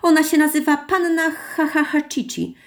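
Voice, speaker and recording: A woman's voice: high voice, moderate pace, voice pushed up. A woman voicing a jolly circus clown who announces himself to children like a showman. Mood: showy.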